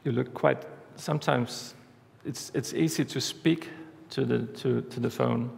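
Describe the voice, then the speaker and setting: Slow, gravelly man demoing on stage. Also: medium pitch, steady tone, darkish tone. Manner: halting, narrating each step of a live demo. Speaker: conference speaker. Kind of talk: live tech demo talk. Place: large conference hall. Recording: reverberant hall, faint background noise.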